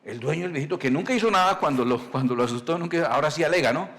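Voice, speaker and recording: A male pastor, preaching in a conversational storytelling style, asking the congregation questions and reading scripture slowly. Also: on the high side, expressive, fairly bright tone. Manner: reads scripture slowly and deliberately. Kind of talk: sermon.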